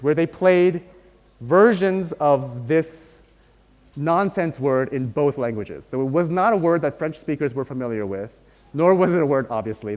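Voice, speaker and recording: A man teaches a university class and keeps checking with his students that they follow. His voice sits a little high for a man. It carries a long reverb that fills the lecture hall around him. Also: a little mellow. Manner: explains patiently, checks in often with "right?" and "okay?". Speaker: linguistics lecturer.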